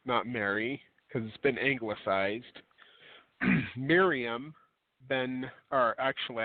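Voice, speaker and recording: Man, mid-pitched voice, reading aloud with rambling asides, clears his throat, tinny phone-line sound. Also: no echo. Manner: digressive, pauses to clear throat and self-correct. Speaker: religious radio reader and commentator.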